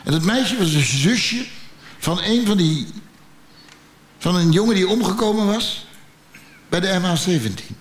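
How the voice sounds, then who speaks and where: A man with a Dutch accent doing stand-up storytelling, blunt and profane with a deadpan delivery. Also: high voice, unhurried, long pauses, roomy sound. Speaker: stand-up comedian.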